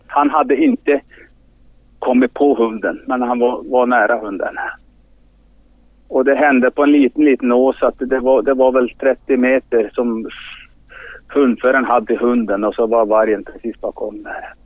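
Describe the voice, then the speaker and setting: A man leading a hunt, talking haltingly in a news interview and repeating his words as he searches for them. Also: medium pitch, steady tone, dry recording. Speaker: hunt leader interviewed by phone. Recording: tinny dry phone line.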